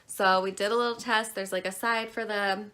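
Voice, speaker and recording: A woman's voice: mid-range voice, steady tone, moderate pace, bright, forceful tone, smooth. A woman in her twenties from Maine, chatting casually and rambling animatedly as a beauty vlogger. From Maine, USA. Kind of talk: casual chat.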